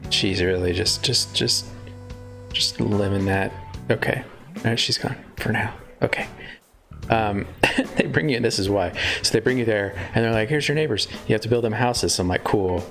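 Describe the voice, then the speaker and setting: Low gravelly man in chatty live-stream banter. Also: moderate pace, fairly bright tone. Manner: chatty, rambling, self-interrupting. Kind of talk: casual live-stream chat. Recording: faint guitar music behind.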